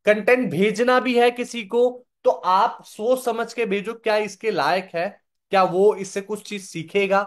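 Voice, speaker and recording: A young man with a notably high voice leads a live online training session. He talks in an instructive way, repeats his key points, and keeps asking the audience whether they follow. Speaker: sales trainer.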